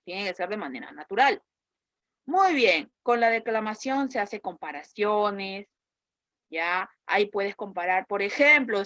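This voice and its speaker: A woman's voice: medium pitch, no room sound, muffled recording. A woman teacher with a Peruvian Spanish accent, explaining a lesson in an online class and checking with her students as she goes. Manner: explanatory, asks students questions and checks with "¿correcto?".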